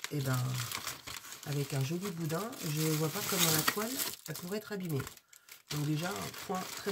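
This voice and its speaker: A woman's voice: sits low, heavy background noise. A woman from France, a crafts YouTuber, chatting casually and rambling through a product unboxing with many hesitations.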